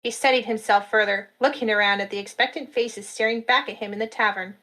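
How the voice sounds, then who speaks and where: A woman narrating a fantasy story in a steady storytelling manner at a live reading. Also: medium pitch, brisk, rough recording.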